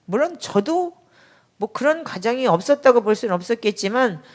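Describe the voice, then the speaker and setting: A middle-aged woman pastor giving a sermon in a conversational, emphatic way, with sudden loud outbursts. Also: a little high, animated, moderate pace.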